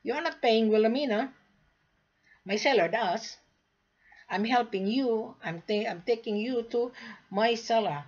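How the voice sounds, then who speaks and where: Speaking a little slowly with long pauses, a Filipino-born gold sales agent lectures traders to camera in an emphatic, repetitive way. Her voice is on the high side with a darkish tone, and the audio is dull.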